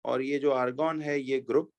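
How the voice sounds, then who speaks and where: A man teaching a chemistry lesson, reading exam questions slowly and explaining step by step with rhetorical questions to his pupils. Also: medium pitch, little pitch movement.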